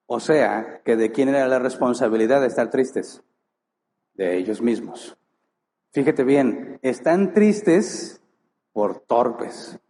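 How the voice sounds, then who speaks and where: A pastor with a dark-toned, mid-range voice preaches emphatically in a church hall, piling on rhetorical questions and acting out short quoted lines. The recording carries a long hall reverb.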